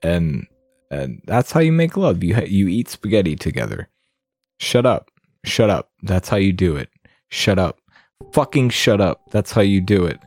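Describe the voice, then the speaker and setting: A man's voice: low-pitched, big pitch swings, normal speed, a little mellow, no echo, studio quality. A man playing a game and commenting on it in a sarcastic, exasperated way, with swearing. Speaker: game streamer. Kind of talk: let's play commentary.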